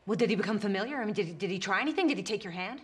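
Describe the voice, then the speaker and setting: A woman's voice: mid-range voice, animated, racing, natural voice. Woman playing a tired jealous lady with a headache, stammers, voice jumps all over in a film scene. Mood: agitated. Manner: nervous stammering, swings from hushed to agitated. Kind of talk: naturalistic film acting.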